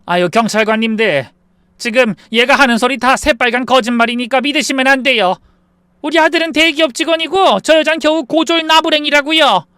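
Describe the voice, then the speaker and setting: A man's voice: fairly high pitch, a little fast, few pauses, fairly bright tone, clean tone, no room sound, studio quality, natural voice. A man voicing a drunk, furious older woman who screams insults at her daughter-in-law. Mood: flustered lying. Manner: shrieking, slurring insults.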